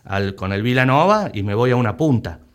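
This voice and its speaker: An Argentine rugby club president speaks emphatically in a conversational interview, his Argentine Spanish accent clear as he often repeats words while searching for them. His voice is medium-pitched, expressive, and a little fast.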